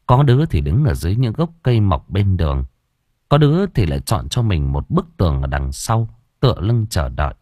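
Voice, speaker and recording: Lively male audiobook storyteller. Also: low-pitched, dry recording, clean studio sound. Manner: lively, expressive reading with quick dialogue. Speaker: audiobook narrator. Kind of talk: storytelling narration with character voices.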